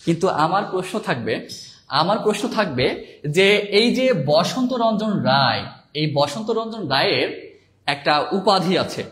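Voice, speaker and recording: High-voiced male teacher, echoey room. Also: sing-song, a bit bright. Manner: reads viewers' comments aloud, spells words out slowly. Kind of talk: live online exam-prep lesson.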